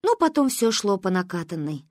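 A woman narrating a humorous story in a lively, expressive reading. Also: mid-range voice, normal speed, dry recording, studio quality.

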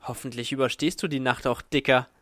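A man's voice: medium pitch, steady tone, fairly quick, bright, forceful tone, no room sound, natural voice. A man voicing a teasing young woman in a nightclub, in a coy, mocking tone.

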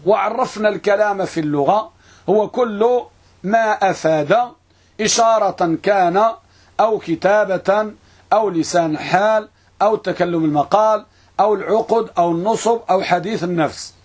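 A man teaching an Arabic grammar lesson in a classroom, reciting verses slowly and quizzing his students. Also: high voice, a little mellow, breathy edge. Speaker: Islamic scholar teaching grammar.

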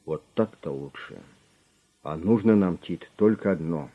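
A man voicing a calm, menacing middle-aged gang boss who mocks his captive with cold smugness. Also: deep voice, measured pace, narrow, tinny audio. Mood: cold, mocking. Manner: smug, coldly mocking.

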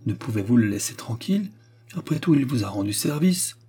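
A man's voice: mid-range voice, very animated, a little fast, mellow, slightly rough. A man reading the part of an outspoken young woman, earnest and indignant. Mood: pleading.

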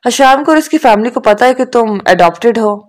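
A woman's voice: on the high side, expressive, voice pushed up, lightly acted. A woman reading the lines of a casual, teasing young man in a storybook, in a dry, offhand manner. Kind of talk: audiobook dialogue reading.

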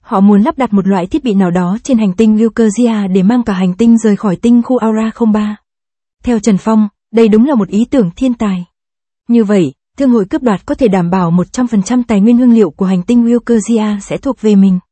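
A woman narrates a fantasy audiobook in an even, steady read. Her voice is mellow and warm with a husky, breathy edge, and the recording is dry and close with no room sound. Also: medium pitch, brisk, no echo. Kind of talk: scripted narration.

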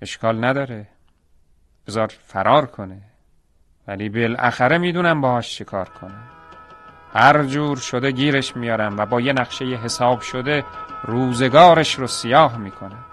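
A man's voice: mid-range voice, a bit bright, faint music behind, lightly acted. A man telling a folk tale, voicing a vengeful, scheming male landlord with a theatrical, menacing storybook delivery.

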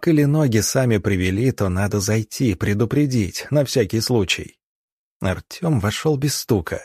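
A man doing scripted audiobook narration in a steady, measured reading. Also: fairly low pitch, slightly rough, no room sound, studio quality.

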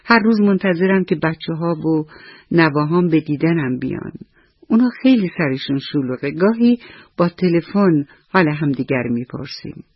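A woman voicing a lonely, kind old man in a children's radio bedtime story, speaking softly and quietly. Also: sits low, expressive, husky, dry recording. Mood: gentle. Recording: dull lo-fi radio recording.

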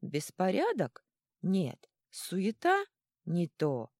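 A woman voicing a touchy, gruff male stone troll in a storybook, speaking loudly. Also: fairly low pitch, wildly swooping pitch, very slow, dry recording, studio quality, voice pushed up, full character voice. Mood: puzzling.

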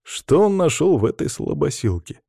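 A man's voice: fairly high pitch, big pitch swings, normal speed, gravelly, warm tone, husky, dry recording, clean studio sound, pitched above the performer's own voice, heavily acted. A man voicing a young noble heir who speaks in a smug, dismissive way.

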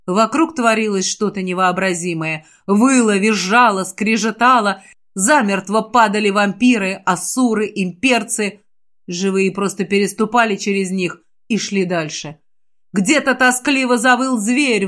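A woman narrating a fantasy novel in a steady, expressive audiobook reading. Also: mid-range voice. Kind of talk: scripted narration.

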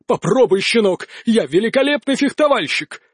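A raised, strained voice of an arrogant nobleman who brags and yells, then begs for his life, as an audiobook narrator puts him on. The tone is high and loud with a close, dry sound. It is a storybook villain who is all bluster and little courage. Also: expressive, normal speed, husky, dry recording, exaggerated voice. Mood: furious. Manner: shouting, boastful then pleading. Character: arrogant cowardly noble male duelist. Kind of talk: audiobook character voice.

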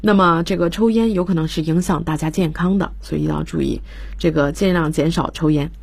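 Husky low-voiced woman teaching. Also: a little fast, a little mellow, dry recording. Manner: explains patiently, spells words letter by letter. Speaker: English teacher. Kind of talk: radio vocabulary lesson. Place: radio studio.

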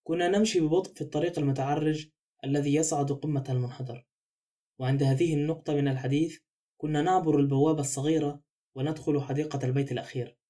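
A man narrating an audiobook in a brisk, even storytelling manner. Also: on the high side. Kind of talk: scripted narration.

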